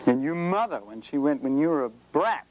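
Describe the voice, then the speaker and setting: Male preacher, earnest conversational delivery, voice a bit high, faint background noise. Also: very animated, normal speed, a little mellow, muffled recording. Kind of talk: sermon.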